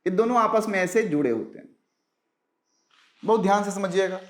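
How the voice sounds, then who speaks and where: A man with a noticeably high-pitched voice delivers an exam-prep biology lecture, posing quick rhetorical questions and answering them himself. He repeats key terms slowly and drops English science vocabulary into his speech. The sound is roomy, with a clear echo off the walls. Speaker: biology teacher.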